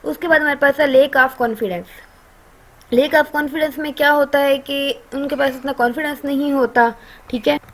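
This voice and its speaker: A woman with a Pakistani accent talks through a course lecture in a relaxed, conversational way. Her voice sits a little high, and she often pauses on fillers and checks in with her listeners as she explains. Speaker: online lecturer.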